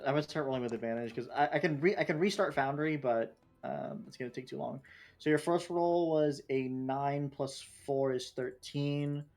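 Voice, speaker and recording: Man, game master, tabletop game, middle pitch, steady rules talk, frequent fillers. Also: normal speed.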